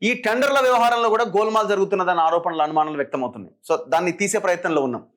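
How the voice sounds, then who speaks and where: Fast, high-pitched sarcastic Telangana commentator. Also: male voice, a bit bright. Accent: Telangana Telugu. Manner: sarcastic, combative rhetorical questioning. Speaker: political commentator. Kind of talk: opinionated political commentary.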